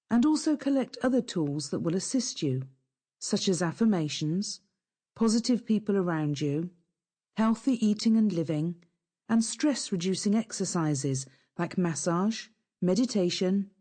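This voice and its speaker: A woman narrating a scripted guided hypnosis session in a calm, soothing, instructive way. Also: lowish voice.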